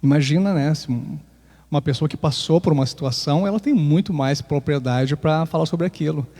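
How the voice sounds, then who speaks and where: A man's voice: a little high, brisk, mellow, big-room sound. A man with a Brazilian Portuguese accent hosting a podcast, talking casually and reflectively, often restarting his sentences. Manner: hesitant, many restarts, reflective. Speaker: podcast host. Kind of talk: casual talk on Afro-Brazilian myths, with sung chant.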